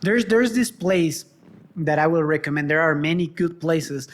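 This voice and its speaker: A woman's voice: low voice, normal speed. Rambling woman. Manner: warm, rambling, hesitant restarts. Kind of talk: casual chat.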